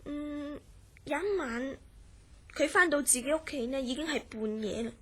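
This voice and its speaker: This is Cantonese horror radio drama acting and narration, with an actress voicing a concerned, earnest young Hong Kong woman who recounts a mystery about her troubled friend. Her high-pitched voice has a sharp tone and a Hong Kong Cantonese accent. She stays polite, measured, grave and earnest.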